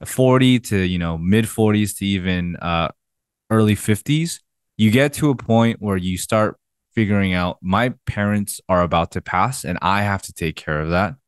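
Inquisitive young pastor, fairly low voice. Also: male voice, moderate pace, clear, resonant tone, dry recording, clean studio sound. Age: 30s. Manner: inquisitive, asks guests follow-up questions. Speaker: pastor and podcast co-host. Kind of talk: casual faith podcast discussion.

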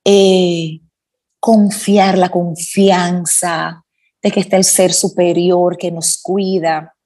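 Woman, middle-aged, lower voice, podcast co-host, heartfelt rambling faith testimony, self-corrections, speaking from her bedroom. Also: level tone, slow pace, mellow.

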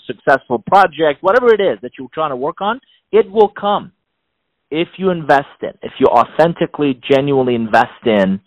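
A middle-aged man from Iran, an executive advisor and author, answers interview questions in a medium-pitched voice. He's animated and emphatic, often restarting and repeating words. The recording is dry and rough.

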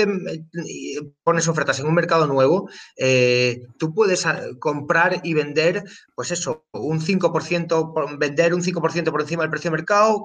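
A man's voice: a little high, fairly bright tone, far from the mic. A man guest explaining things in casual talk, restarting and repeating himself often as he thinks aloud. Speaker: guest explaining a trading platform.

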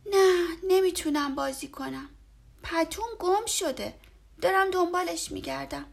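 A woman's voice: extremely high pitch, voice pushed up. A woman voicing a small, sad young boy turtle in a storybook, speaking in a pleading, whiny way. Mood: upset, pleading.

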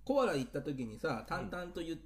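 A man co-hosting a casual radio chat, teasing and doubting his partner with quick retorts. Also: on the high side, sing-song. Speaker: radio co-host.

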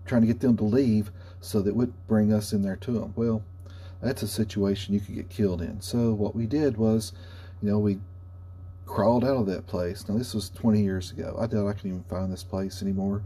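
A man's voice: on the low side, fairly even intonation, a little fast, warm tone, husky. A man, telling a casual anecdote in a rambling, folksy, self-correcting way. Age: 40s. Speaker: storyteller. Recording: noticeable background hum and noise.

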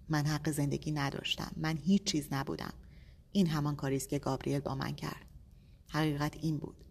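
A woman reads a novel aloud in a measured, steady voice. Her pitch sits low, and a long reverb trails each line. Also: creaky. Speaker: narrator. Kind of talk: audiobook narration.

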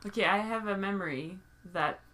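A woman telling an animated story in a casual chat, laughing as she talks. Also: medium pitch, moderate pace.

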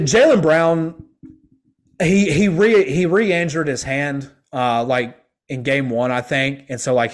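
Rambling young guy talking hoops. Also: a little high. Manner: rambling, filler-heavy, slangy ("like", "dude"). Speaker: podcast host. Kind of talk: casual sports chat.

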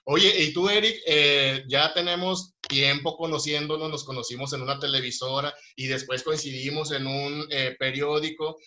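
A man's voice: a little high, steady tone, moderate pace, few pauses, sharp tone. A man hosting a casual interview, playful and teasing, often laughing. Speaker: host.

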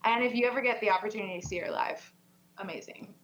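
A woman's voice: mid-range voice, fast talker, a bit bright, dull audio. A woman in a band, chatting casually over a video call, often trailing off mid-sentence. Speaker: band member guest.

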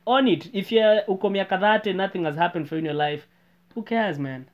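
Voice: medium pitch, a little fast, muffled recording. Young host, casual opinionated banter. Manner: opinionated, animated ranting. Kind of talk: casual chat mixing English and Sheng.

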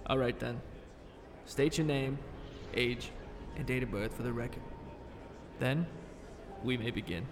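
A man voicing a calm male investigator who questions a witness formally and in a measured way, in an audio horror story. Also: medium pitch, a crowd in the background, pitched below the performer's own voice, close to an everyday voice.

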